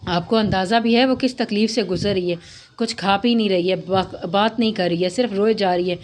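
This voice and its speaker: A woman's voice: mid-range voice, a little fast, natural voice. An earnest young husband, worried and pleading, as a woman reader voices him. He holds his anger in check, as in a storybook novel.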